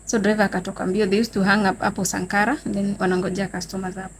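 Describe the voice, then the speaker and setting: Talking very fast in a mid-range voice, a young Kenyan woman with a Kenyan accent pours out a dramatic personal story in a casual storytime vlog. She calls her viewers "guys," mixes Swahili and English, and keeps the storytelling animated and dramatic over a slight hiss or hum.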